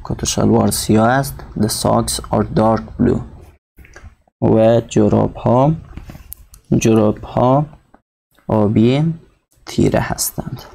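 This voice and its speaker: Casting note: male teacher, dark and steady tone, slow textbook reading followed by translation. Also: lowish voice, vocal fry. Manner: explains each word slowly, reads English lines very slowly then translates. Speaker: English teacher. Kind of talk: recorded textbook lesson.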